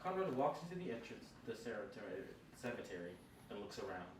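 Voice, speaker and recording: Guy reading out scene directions, lively pitch, echoey far-off mic, noisy. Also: quick pace. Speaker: narrator reading stage directions. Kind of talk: script table read, scripted narration.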